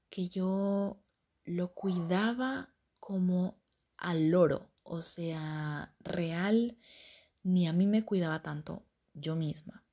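A woman's voice: lowish voice, creaky, mellow, slightly rough. A young woman candidly recounting a painful personal story, emotional and blunt, repeating herself and swearing now and then.

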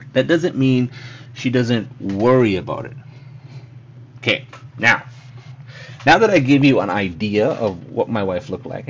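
Low-voiced man, dull lo-fi sound. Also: slight background noise. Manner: halting, searching for words, repeats himself. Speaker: podcast host. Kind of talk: casual reflective monologue.

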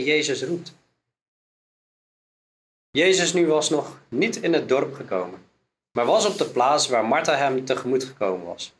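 A man's voice: a little high, fairly bright tone. A man with a Dutch accent preaching a sermon, reading Bible verses aloud and explaining them one by one. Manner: reads scripture aloud, then explains it verse by verse.

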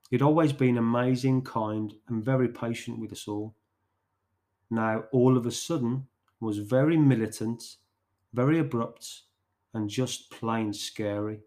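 Man slowly narrating a podcast story. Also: medium pitch, darkish tone.

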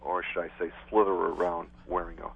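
A man's voice: sits low, little pitch movement, a little fast, creaky. A man from Chicago, a former city clerk, chatting frankly with a laugh as a guest over the telephone. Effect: heard over a telephone line. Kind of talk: phone interview. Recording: tinny dry phone line.

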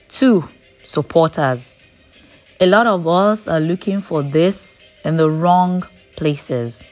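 A woman hosting a short devotional message, speaking in a deliberate, emphatic preaching manner. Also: sits low. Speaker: devotional host.

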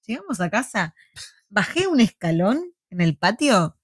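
A woman's voice: mid-range voice, sing-song, a little slow, no echo, studio quality. A young adult woman with a Rioplatense Spanish accent, co-hosting a casual podcast and teasing her partner bluntly. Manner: teasing, blunt, laughs often. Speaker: podcast co-host.

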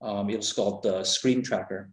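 A man's voice: on the low side, steady tone, moderate pace. A middle-aged man as a podcast guest, in natural unscripted talk, explaining things in a candid, loose, groping way. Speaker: podcast guest, game music maker. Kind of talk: casual unscripted chat. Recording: echoey, roomy sound.

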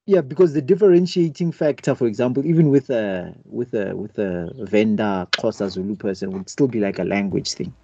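A man's voice: fairly low pitch, fairly quick, gravelly, few pauses, mellow, slightly rough, highs cut off. A man in a casual debate, hesitant and searching for words as he argues a point.

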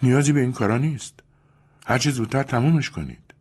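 A man's voice: mid-range voice, darkish tone, husky, voice pushed up, close to an everyday voice. A man voicing a cunning young woman in an audiobook, defiant and pleading by turns. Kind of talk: audiobook character reading.

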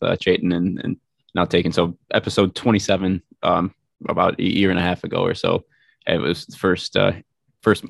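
A man hosting a podcast interview, talking in a halting way and often repeating words. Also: low voice, vocal fry, no echo, clean studio sound. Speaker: podcast host.

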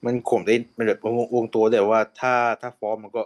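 A man's voice: fairly low pitch, flat delivery, a little fast, darkish tone. A man hosting a casual chat about a TV show, with dry, laid-back remarks. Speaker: podcast host. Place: voice chat call.

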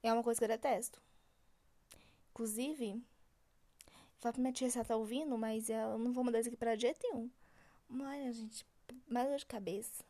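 A woman's voice: on the high side, a little fast, long pauses. Exasperated young woman ranting on her podcast. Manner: exasperated, animated complaining, mimics others. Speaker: podcast host. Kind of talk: solo podcast rant.

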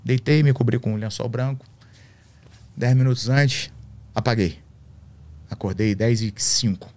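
A man's voice: medium pitch, unhurried, a little mellow. A Brazilian man telling a personal story in slangy, profane casual talk. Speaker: podcast guest.

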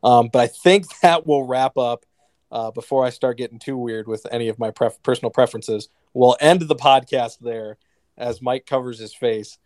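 A man hosting a movie podcast in easy, rambling chat, trading jokes as he closes the show. His voice sits at an ordinary middle pitch, and the recording is dry and close, with no room echo. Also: normal speed, darkish tone. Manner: jokey, rambling, wraps up the show. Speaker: podcast host.

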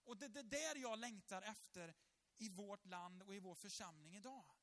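A male pastor preaching, retelling a story vividly and checking that the congregation is following. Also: high-pitched. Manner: lively storytelling, asks the congregation along. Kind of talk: sermon.

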